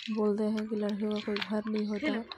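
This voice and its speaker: A woman's voice: mid-range voice, monotone, fast. A young woman with a Bihari Hindi accent, talking viewers through an unboxing in a casual vlog. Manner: chatty, addresses viewers directly. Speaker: vlogger, mother. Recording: loud background noise.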